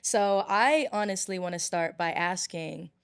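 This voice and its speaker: A woman's voice: on the low side, measured pace, creaky, clear, resonant tone. Playful woman hosting a podcast. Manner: playful teasing, laughs often. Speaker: podcast host. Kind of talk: casual interview chat.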